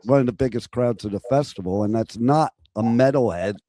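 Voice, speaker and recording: A man with a hoarse, nearly lost voice, chatting casually as host of a radio interview. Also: mid-range voice, a little fast, dark tone.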